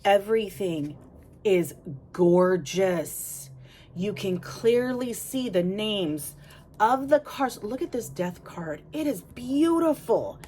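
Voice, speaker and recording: A woman's voice: mid-range voice, lively intonation, slow pace, dark tone, a little hiss or hum. A woman reviewing a tarot deck in a casual, chatty way, talking straight to her viewers and correcting herself as she goes. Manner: chatty, self-correcting, talks to viewers directly. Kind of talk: casual review and flip-through.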